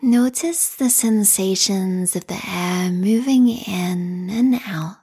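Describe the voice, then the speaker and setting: Guiding a meditation, a woman speaks in a calm, meditative way, her soft voice whispery and breathy with a husky quality. Her pace is extremely slow and soothing, and her pitch sits in the middle.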